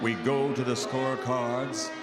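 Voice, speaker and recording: Guy doing boxing ring announcer thing, lucha libre style drawn out names, slow, loud music behind him. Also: mid-range voice, level tone, a loud crowd. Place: indoor arena, over the PA.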